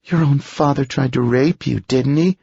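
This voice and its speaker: A man voicing a heavy, overpowering woman medium, possessed and cruel, speaking slowly and insistently. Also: medium pitch, creaky, mellow, slightly rough, no room sound, dull audio, pitched above the performer's own voice. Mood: menacing.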